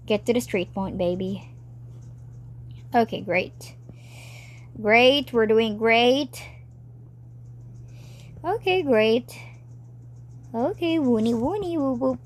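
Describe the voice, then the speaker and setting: Chatty young-sounding woman animating. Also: on the high side. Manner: rambling, self-encouraging, chatty with sudden excited outbursts. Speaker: animator narrating her work. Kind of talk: casual talk while drawing. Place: home, recording herself while animating on a tablet.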